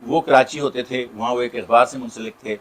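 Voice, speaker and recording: A middle-aged actor with a Saraiki accent, answering interview questions in a warm, grateful way with many pauses. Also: male voice, mid-range voice, fairly even intonation. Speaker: Saraiki drama and film actor.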